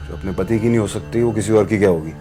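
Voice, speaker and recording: A man's voice: fairly low pitch, fast talker, dark tone, soft background music, natural voice. A young man playing a callous struggling actor who scornfully brushes off his married lover with curt commands in a web drama. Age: young adult. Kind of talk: melodramatic Hindi short-drama acting.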